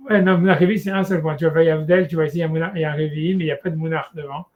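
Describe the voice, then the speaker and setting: A man teaching Torah in a relaxed one-on-one study session, talking casually with many restarts and fillers. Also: fairly high pitch, rapid-fire, narrow, tinny audio.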